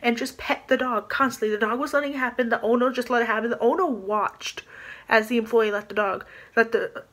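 Recorded on a built-in camera mic in her small bedroom, this young woman's high-pitched, fairly bright voice carries an indignant, rambling vlog rant. She gestures constantly and keeps dropping filler "like"s as she talks to the camera.

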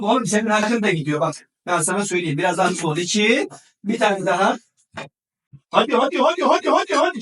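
A man's voice: sits high, fairly bright tone, far from the mic. A man hosting a family game, counting down and urging the children to hurry.

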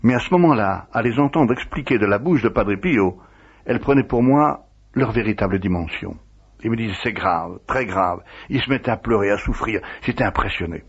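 A man's voice: on the low side, moderate pace, breathy edge. A priest recounting old memories in an interview, acting out the dialogue as he tells it. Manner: lively retelling, acting out quoted dialogue. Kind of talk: interview storytelling. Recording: dull lo-fi radio recording.

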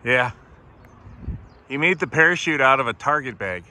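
A man's voice: medium pitch, expressive, normal speed, bright, forceful tone. A man making casual remarks at a model rocket launch in an open field. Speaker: fellow rocket hobbyist. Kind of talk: casual chat. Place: open grassy field outdoors. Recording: wind and outdoor noise, off-mic.

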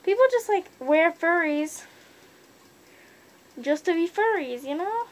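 Young woman, high voice, muffled inside a costume head, rambling casual chat. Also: animated, takes it slowly. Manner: rambling, many fillers. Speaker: fursuiter vlogger. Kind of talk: casual opinion monologue.

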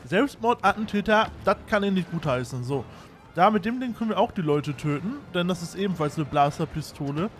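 A man giving casual gameplay commentary, excitable and self-mocking, shouting at his own fails. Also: high voice, brisk, slight background noise. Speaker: gaming YouTuber. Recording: game sounds behind.

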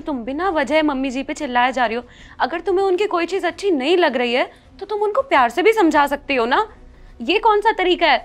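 In a family short film, an actress with a high-pitched, natural female voice plays a proud, bossy working daughter-in-law, speaking in a commanding tone.

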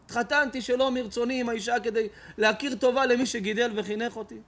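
A preacher voicing an elderly rabbi who grieves and pleads with God in an impassioned voice. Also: male voice, very high-pitched, fairly even intonation, fairly bright tone, voice pushed up. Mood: anguished.

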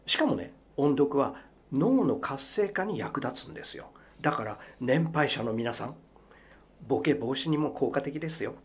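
A man's voice: medium pitch, expressive, moderate pace. A man hosting a radio show in a studio, explaining English pronunciation in a chatty, emphatic way and speaking straight to his listeners. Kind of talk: radio talk explaining language learning.

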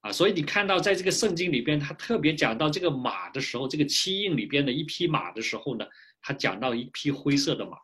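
A male pastor preaching a sermon in a lively, animated way, pausing often for an interpreter, speaking from a small home office into a webcam. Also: on the high side, slightly rough. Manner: lively preaching with frequent filler particles.

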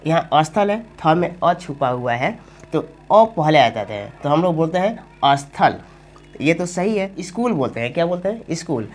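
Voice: medium pitch, expressive, moderate pace. A teacher explaining Hindi spelling step by step, asking questions aloud and then answering them. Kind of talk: spoken grammar lesson.

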